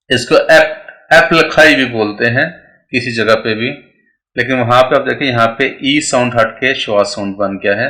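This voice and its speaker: A man's voice: medium pitch, sharp tone. A man teaching English pronunciation rules step by step, often checking in with his listeners.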